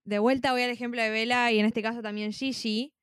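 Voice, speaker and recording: A woman's voice: fairly high pitch, fairly even intonation, brisk, clean tone, no room sound, studio quality. A woman with a Rioplatense Spanish accent, talking casually as a podcast co-host, with lots of fillers. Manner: conversational, many fillers like "tipo". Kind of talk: casual chat.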